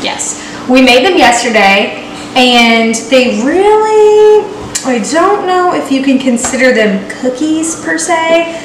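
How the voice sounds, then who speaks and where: A woman's voice: high-pitched, expressive, takes it slowly. A young woman hosting a casual baking video in her home kitchen, joking and chatting in a bubbly, playful way, recorded by a camera set back from her. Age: young adult. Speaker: vlogger. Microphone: far camera. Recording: echoey kitchen with noise.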